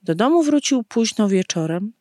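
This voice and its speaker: A woman reading a story aloud slowly and expressively, giving the characters' lines their own voices. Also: medium pitch, expressive, dark tone, dry recording, clean studio sound. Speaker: narrator.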